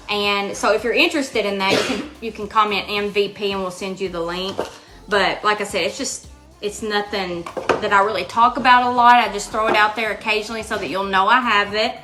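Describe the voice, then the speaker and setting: This craft host speaks with a steady tone at a moderate pace, her pitch sitting in the middle range, with music in the background. She's a Western Kentucky woman with a Southern accent, leading a live tutorial from her home craft table in a relaxed, folksy way.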